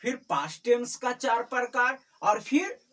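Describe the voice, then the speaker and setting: Her fairly high, expressive voice moves a little slowly as she tutors a class, repeating terms and checking often that students understand. A distant mic captures the tuition classroom with faint background noise and crowd sounds.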